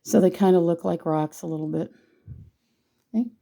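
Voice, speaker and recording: A hoarse woman with a gravelly voice, chatting casually and teasing herself while she teaches a painting tutorial. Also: lowish voice, normal speed, dark tone. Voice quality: gravelly, husky voice. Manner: chatty, self-deprecating, thinks aloud while painting.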